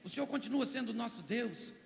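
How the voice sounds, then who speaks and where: A Brazilian preacher speaking as Martha, a distressed but faithful woman pleading in plain, earnest words. The voice is high and gravelly. It echoes through a large hall. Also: lively intonation, brisk, slight background noise, full character voice. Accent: Brazilian Portuguese. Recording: echoey hall, long reverb.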